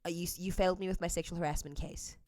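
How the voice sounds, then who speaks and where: Speaking fast in a fairly low, darkish voice with fairly even intonation, this English-speaking woman hosts earnestly and candidly, live-translating a clip and often hesitating with ums. The sound is clean studio audio without room sound.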